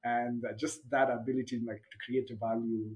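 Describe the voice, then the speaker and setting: A Kenyan man in his thirties speaking as a guest in a relaxed interview. His voice sits at an everyday middle pitch, and he talks easily about his background, laughing now and then. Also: moderate pace, low-quality recording. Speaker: startup founder, guest. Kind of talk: casual interview talk.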